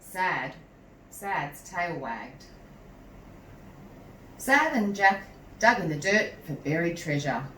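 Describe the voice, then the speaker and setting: A teacher with a fairly low-pitched voice reads a picture book to young children, measured and animated, stopping to chat with them along the way. Her expressive read-aloud is recorded from a distant mic in a roomy, echoey space with some noise.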